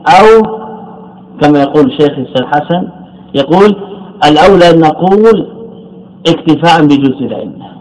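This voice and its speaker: A man's voice: fairly high pitch, expressive, normal speed, pauses often, darkish tone, poor audio. Man giving a classical Arabic grammar lecture. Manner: repeats key phrases, asks and answers his own questions. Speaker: Islamic scholar teaching Arabic morphology. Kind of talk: classical lecture explaining a text.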